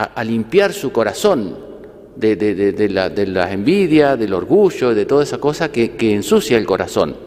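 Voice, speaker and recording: A priest preaches a homily in a conversational way. He often adds asides and rhetorical questions, and his medium-pitched voice rings with a long reverb like a church hall. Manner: gently humorous.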